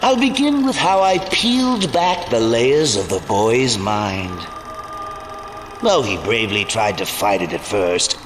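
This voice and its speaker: A man playing a sadistic clown villain in an audio drama, with mocking, theatrical, drawn-out delivery. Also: on the low side.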